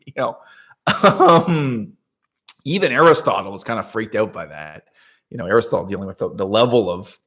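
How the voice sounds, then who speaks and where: A man talking through a political topic in a casual monologue, rhetorical and animated, often checking in with "right?" and laughing mid-sentence. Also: fairly low pitch, normal speed, breathy edge. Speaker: political commentator.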